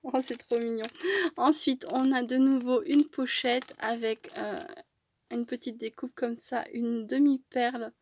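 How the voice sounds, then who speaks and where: A woman hosting her craft channel, chatting casually while unboxing mail and pausing often with hesitation fillers. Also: a little high, level tone, darkish tone, a little hiss or hum.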